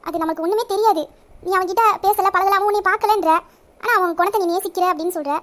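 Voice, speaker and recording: A woman voicing a caring, protective young village woman who questions her friend briskly and affectionately. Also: extremely high pitch. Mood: bewildered. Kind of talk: Tamil village audio drama.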